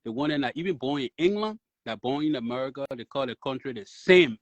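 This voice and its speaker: A man's voice: medium pitch, lively intonation, quick pace, dry recording. A man shares opinions casually as a caller. He starts hesitantly and grows emphatic, over dry, muffled audio. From Liberia. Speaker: call-in guest. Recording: dull lo-fi call audio.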